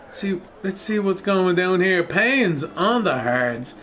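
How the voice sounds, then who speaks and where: A man giving casual, chatty live motorsport commentary as a racing commentator, excitable and full of colloquial banter. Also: sits high, slow pace, slight background noise.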